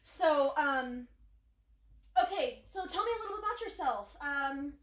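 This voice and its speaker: A woman with a high, light voice hosts a relaxed interview, chatting loosely and giggling between questions with plenty of "um"s. The room around her sounds echoey. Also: a little slow. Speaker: interview host. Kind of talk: casual interview chat.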